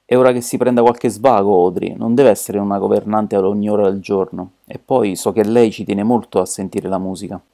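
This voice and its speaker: Brief: amiable, coaxing major voiced by a male reader, warm dark tone, storybook reading. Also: on the low side, steady tone, brisk, vocal fry, hardly any pauses. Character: genial middle-aged male army major host.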